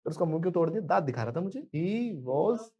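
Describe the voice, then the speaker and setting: Playful, fairly high-voiced male teacher. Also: big pitch swings, fast talker, mellow, slightly rough, lo-fi sound. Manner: playful and joking, calls on students by name, prompts repetition. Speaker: spoken English teacher. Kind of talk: live classroom teaching, mixing Hindi and English drills.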